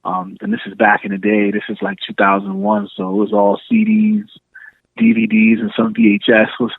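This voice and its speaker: A man's voice: medium pitch, normal speed, gravelly, no echo. A man in his thirties from New York City, telling stories with easy laughs in a casual phone chat. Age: 30s. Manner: relaxed storyteller, laughs often. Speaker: podcast guest. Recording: tinny phone line.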